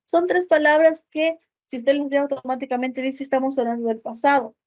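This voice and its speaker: A woman teacher gives a recorded school lesson, explaining each rule step by step and checking in with her students as she goes. Her voice sits a little high. The recording is dull and lo-fi. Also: fairly even intonation, brisk. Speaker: English teacher.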